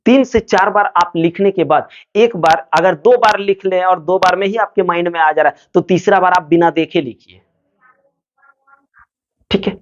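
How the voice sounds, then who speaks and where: A man's voice: high-pitched, normal speed, muffled recording. A man giving motivational study advice to students, asking questions and answering them himself.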